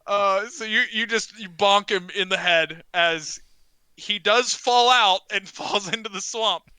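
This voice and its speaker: Guy running a tabletop game, high bright animated voice, dry mic. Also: measured pace, clean tone, dry recording. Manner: casual, laughs often. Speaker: game master.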